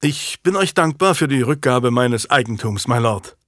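A proud, stubborn young nobleman in an audiobook, speaking curtly and holding himself in check, as a male narrator reads him. His voice sits at an ordinary male pitch, dry and close to the mic. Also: animated, normal speed, fairly bright tone, dry recording, lightly acted. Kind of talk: audiobook character voice.

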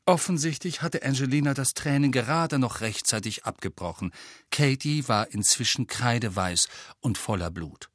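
A man narrates an audiobook with a lively, expressive reading and a middle-pitched voice. The recording is close and dry, with no room echo. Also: normal speed. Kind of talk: scripted narration.

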